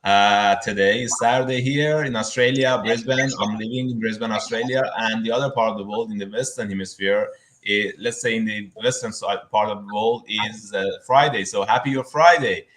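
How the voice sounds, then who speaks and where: A man in his thirties hosting a live online interview, speaking haltingly with many fillers. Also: on the low side, fairly even intonation, fairly bright tone, rough recording. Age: 30s. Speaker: host.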